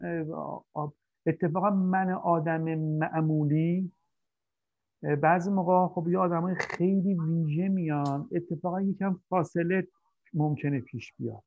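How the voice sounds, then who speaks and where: In a fairly high-pitched, steady voice, a man hosts a conversational discussion, speaking haltingly as he looks for the right words. The recording is echo-free, dry and tinny, resembling a phone line.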